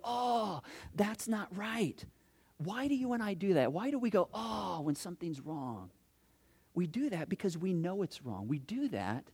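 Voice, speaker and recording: Animated preaching man, slightly high voice. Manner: animated, rhetorical questions, swings from loud to hushed. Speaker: pastor. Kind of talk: sermon. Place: church.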